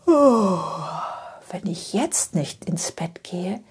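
A woman voicing a tired, easygoing woman just home from a long journey, musing slowly and drowsily to herself. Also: medium pitch, expressive, darkish tone, husky, exaggerated voice. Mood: drowsy musing.

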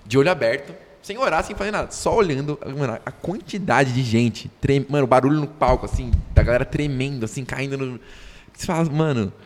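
A man's voice: mid-range voice, expressive, brisk. A young man co-hosting a podcast, telling a story in slangy, casual chat. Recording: long hall reverb, faint noise.

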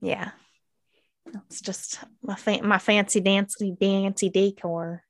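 A woman's voice: medium pitch, little pitch movement, takes it slowly, no echo, clean studio sound. A woman co-hosting a podcast, chatting casually and rambling with lots of fillers from her craft room at home. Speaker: podcast co-host. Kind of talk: casual chat.

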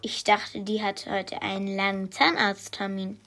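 A woman voicing a patient mother who answers her child in a calm, matter-of-fact way in a storybook reading. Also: mid-range voice, unhurried. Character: patient, slightly tired mother.

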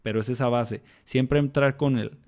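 A man's voice: medium pitch, steady tone, normal speed, a little mellow. A man with a Mexican accent, a mentor of children, talking in a casual interview in a colloquial, reflective way full of slang. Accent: Mexican Spanish.

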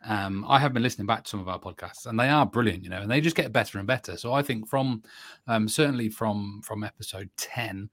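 A man's voice: fairly low pitch, fast, fairly bright tone, no room sound. A man co-hosting a casual podcast, jokey and rambling, speaking into a desk microphone at home. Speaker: podcast co-host. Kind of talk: casual chat. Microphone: desk USB microphone.

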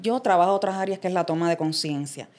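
A middle-aged woman from Cuba, a transpersonal coach and guest, talking in a casual interview and telling her story with lively asides and laughter. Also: on the low side, fast. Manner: animated storytelling, acts out quoted voices, laughs often.

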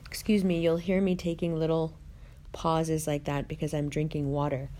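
Low-voiced woman vlogger who rolls her R's. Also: fairly even intonation, moderate pace, dark tone. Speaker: online video host. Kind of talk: casual chat, talking to viewers.

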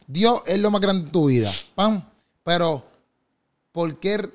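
Rambling interviewer, higher voice. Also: male voice, expressive, slow pace. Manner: rambling questions, checks understanding. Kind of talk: casual interview chat.

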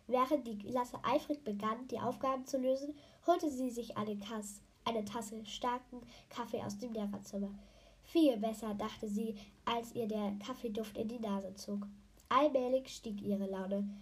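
A woman's voice: a little high, breathy edge. A woman reading a children's book aloud for her podcast, often stumbling over words and correcting herself.

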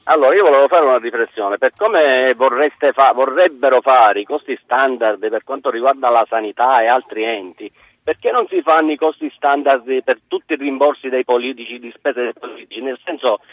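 A man's voice: medium pitch, a little fast, no echo. Sicilian man on a phone line. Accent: Sicilian Italian. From Sicily, Italy. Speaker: radio phone-in caller. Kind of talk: spontaneous opinion on a call-in show. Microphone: telephone. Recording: narrow phone line on radio.

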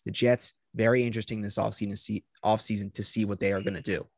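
A man's voice: fairly low pitch, level tone, fast talker, creaky, a little mellow, no room sound. A man hosting a sports talk show, running through news items and steering the talk. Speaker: host.

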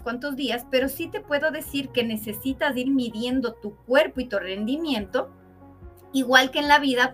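Bright, high-voiced woman guest. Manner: animated, acts out quoted voices with exclamations. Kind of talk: storytelling in a conversational interview.

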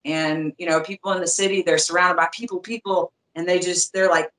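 In a low-quality recording, a woman in her thirties who once was a boxing champion talks casually as an interview guest. She has a light Southern US accent and a voice on the low side, steady and fairly bright, and she speaks fairly quickly, rambling with many fillers and restarts.

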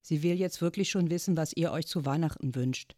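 A woman's voice: sits low, brisk, mellow, dry recording, studio quality. A woman voicing an exasperated mother who is fed up with her own mother's Christmas fuss. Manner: exasperated, head-shaking.

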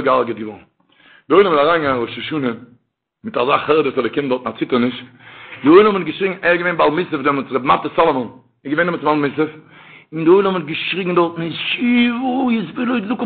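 A man delivers a sermon in a fairly high voice that dips to low murmurs before swelling into loud chanted verses and cries. The sound comes through a tinny, narrow phone-like line. His delivery is fervent and uneven, pressing hard on the recited passages. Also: creaky. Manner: swings from low muttering to loud chanted outcries. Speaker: rabbi preacher. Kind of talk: Yiddish-style sermon with chanted Hebrew verses.

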